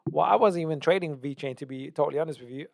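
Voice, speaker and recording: A man's voice: on the high side, racing, vocal fry, a little mellow, no echo, clean studio sound. A man teaching trading, walking through a chart analysis with emphatic repetition and frequent "right?" checks. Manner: emphatic, repeats key words, asks "right?". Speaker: trading educator. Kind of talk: screen-share market analysis.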